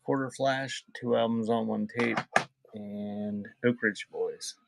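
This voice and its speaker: A man with a lowish, slow voice and some vocal fry hosts a casual live-stream cassette sale, keeping his intonation fairly even. He reads album titles aloud and chats off the cuff with viewers.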